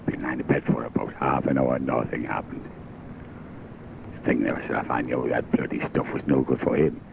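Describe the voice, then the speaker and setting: An older man, a traditional singer, telling an old joke in a brisk, rambling way. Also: little pitch movement, creaky. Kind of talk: old music-hall songs and a told joke. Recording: dull lo-fi archive tape with faint rumble.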